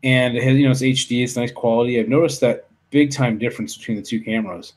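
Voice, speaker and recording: With a mid-range voice, fairly even intonation, and a fast pace, a man hosts a casual live stream from his home office. Speaking into a desktop USB studio mic, he rambles along with many fillers, restarts, and some mild swearing.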